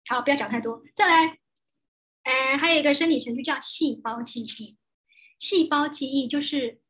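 A woman with a Taiwanese Mandarin accent, teaching a course in a casual way and telling animated stories with frequent laughter. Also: high voice. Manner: animated, laughs often, acts out quotes. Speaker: course instructor. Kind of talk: casual teaching talk with storytelling.

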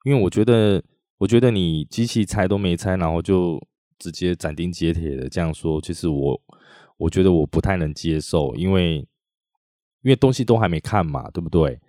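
A man from Taiwan with a Taiwanese Mandarin accent, hosting a podcast and telling a story in a chatty way with many drawn-out tag particles. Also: deep voice, warm tone, dry recording, studio quality. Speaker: podcast host. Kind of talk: casual storytelling monologue.

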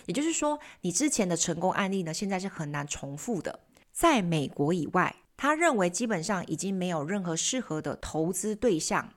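A woman hosting a bilingual lesson on English news, explaining key words and slipping English phrases into her explanations. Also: lowish voice. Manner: lively explaining, mixing English terms into Chinese. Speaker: language teacher and host.

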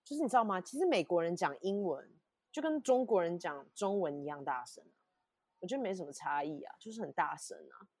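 A woman co-hosting a casual podcast chat, telling stories with animated, emphatic repetition. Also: lowish voice, fairly quick, slightly rough. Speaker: podcast co-host.

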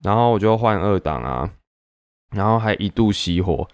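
A young man with a Taiwanese Mandarin accent, venting casually to camera in an animated way with many fillers. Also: lowish voice, moderate pace, dry recording, studio quality. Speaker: vlogger.

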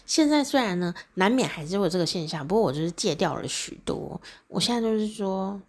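A woman's voice: medium pitch, animated, a little fast, darkish tone. A woman hosting a podcast, telling personal stories in a chatty way, laughing often and acting out little conversations. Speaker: podcast host. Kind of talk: personal reflective monologue.

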